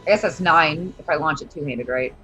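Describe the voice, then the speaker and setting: A woman's voice: low voice, brisk, a bit bright, faint music behind, poor audio. A woman playing a tabletop game, talking casually through her turn.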